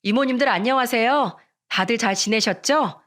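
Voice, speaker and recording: A woman voicing a determined young woman in a radio story, speaking firmly and calmly as she defies her mother. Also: on the high side, close to an everyday voice. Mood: defiant. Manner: firm, calm, deliberate.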